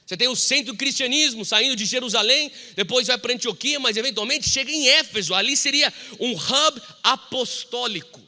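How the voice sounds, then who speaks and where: A man in his forties with a Brazilian Portuguese accent, preaching a sermon as a pastor and telling stories in an animated way. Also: very high voice, brisk, hardly any pauses, in a large hall. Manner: animated storytelling, acting out quoted dialogue.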